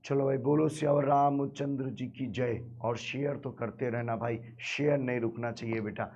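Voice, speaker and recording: A man's voice: medium pitch, steady tone, moderate pace, darkish tone, lo-fi sound, slight background noise. A male math teacher with a sore throat, teaching a live online class, keeps asking students questions and calling them "beta".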